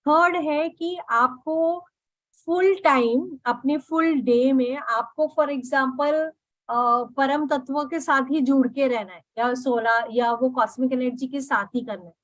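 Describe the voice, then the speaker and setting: A woman teaching meditation, guiding listeners step by step at an unhurried pace and often checking in with "okay". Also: sits high, no room sound, rough recording. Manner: unhurried, repeats "okay" often, mixes in English words. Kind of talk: guided meditation instruction.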